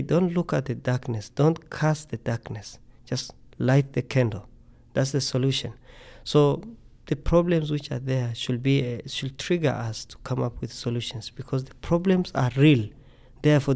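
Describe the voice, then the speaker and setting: A man's voice: mid-range voice, vocal fry, warm tone. A middle-aged man from Tanzania, a scientist guest speaking earnestly in a podcast interview, often repeating words as he thinks.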